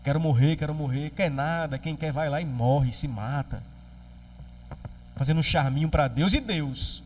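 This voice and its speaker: A man with a Brazilian Portuguese accent preaching a sermon as pastor, lively and joking, acting out quoted voices. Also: fairly high pitch, unhurried, recorded from a distance, a little hiss or hum.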